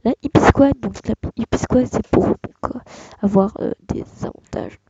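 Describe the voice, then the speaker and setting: A young speaker hosts a casual screen-recorded tutorial in a mid-range voice at normal speed. The audio is dull with background noise. The delivery is hesitant, full of fillers and restarts.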